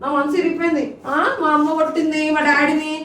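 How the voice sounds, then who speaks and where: Tearful Telangana woman, high and echoey. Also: level tone, fast talker, fairly bright tone, a little hiss or hum. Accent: Telangana Telugu. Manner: hurt, complaining, insistent. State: crying. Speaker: mother in family vlog. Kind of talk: emotional family argument. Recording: roomy echo from far off.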